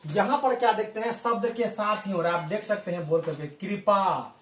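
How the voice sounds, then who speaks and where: A male teacher giving a spoken language lesson, patiently explaining and slowly repeating example words. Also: sits high, a bit bright. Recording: echoey room, voice from a distance.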